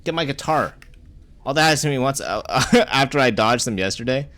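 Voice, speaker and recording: Streamer guy, animated sing-song voice, curses, greets chat while gaming. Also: medium pitch, moderate pace. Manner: chatty, cursing, greets chat between reactions. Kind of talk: live game stream commentary.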